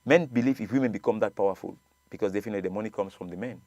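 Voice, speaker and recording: A Nigerian man with a low voice argues in a relaxed studio chat. He repeats himself for emphasis and laughs often. The sound is dry and close. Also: very fast, dry recording. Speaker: coach and show guest. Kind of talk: casual debate.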